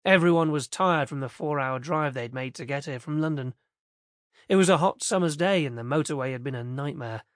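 A man narrating an audiobook in a steady, measured storytelling manner. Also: on the high side, no echo, studio quality.

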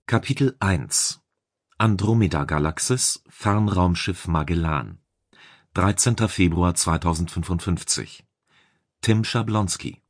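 A man reading a science fiction audiobook in calm, measured narration. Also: low-pitched, no room sound, studio quality. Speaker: audiobook reader.

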